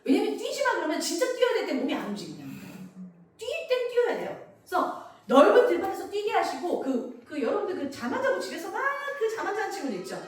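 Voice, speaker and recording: Woman, parenting lecture, high voice, very lively pitch, acts out quotes, echoey hall, distant mic. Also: fast. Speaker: parenting educator.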